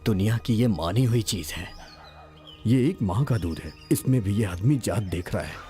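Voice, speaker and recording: A man's voice: fairly low pitch, expressive, normal speed, dark tone, soft background music, lightly acted. An actor playing a loyal servant who earnestly coaxes his master. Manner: earnest, coaxing. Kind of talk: low-budget film acting.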